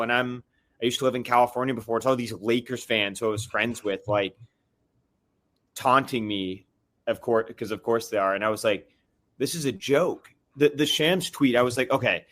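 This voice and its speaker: A man's voice: medium pitch, moderate pace, a bit bright. A man is calling in to a live podcast, venting with a lot of heat. He rambles in restarts and fillers, and he keeps tripping over his own sentences in an ordinary mid-range voice. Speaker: caller on a live fan podcast. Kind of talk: casual venting chat.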